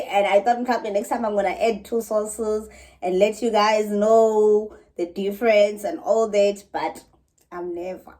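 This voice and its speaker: Slow-talking South African woman vlogger. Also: medium pitch, warm tone. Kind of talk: casual vlog chat to viewers.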